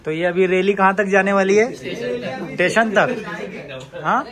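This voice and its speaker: A man vlogging casually on a phone camera around his office, hurrying people along excitedly. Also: sits high. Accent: Mumbai Hindi. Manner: excited, hurried urging. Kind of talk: casual vlog chat. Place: office building and street, crowded. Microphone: handheld phone camera. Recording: busy crowd noise behind.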